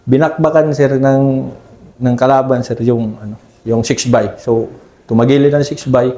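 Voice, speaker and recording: A mellow-voiced man recounts combat memories in a respectful, unhurried way. He tacks "sir" onto almost every phrase. The sound carries a roomy echo. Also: medium pitch, fairly even intonation. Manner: deferential, ends nearly every phrase with "sir". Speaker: army scout ranger team leader. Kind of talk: conversational war story interview.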